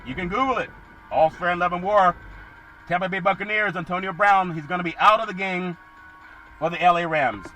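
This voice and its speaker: Animated high-voiced man hosting sports talk. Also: fairly quick, faint music behind, poor audio. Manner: animated, repeats catchphrases, swings loud and quiet. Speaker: podcast host.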